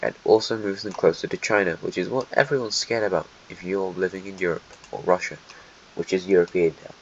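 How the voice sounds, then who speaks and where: Low, steady and brisk, a man's stuffy, snotty voice carries rambling, sarcastic commentary over a map simulation he hosts, often jabbing at countries. A dull lo-fi microphone leaves a faint hiss.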